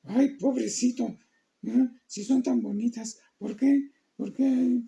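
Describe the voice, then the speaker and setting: A man's voice: very high-pitched, fairly even intonation, takes it slowly, creaky, dark tone, heavily acted. A man voicing a curious listener who keeps asking questions and exclaiming in sympathy. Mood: eager.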